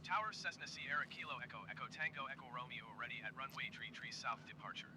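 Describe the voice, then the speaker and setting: A synthetic male voice playing an airplane pilot who calls the tower on a cockpit headset radio in rapid, clipped aviation phrasing. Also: medium pitch. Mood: routine. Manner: rapid, flat, clipped delivery. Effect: pilot radio call over a cockpit headset. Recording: loud noise, voice a bit distant.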